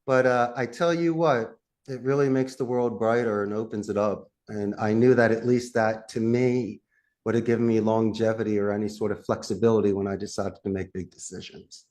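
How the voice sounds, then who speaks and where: In a brisk interview, a man with a Philadelphia accent who heads a call center answers emphatically. He laughs a lot, and his voice swings up and down with animated energy.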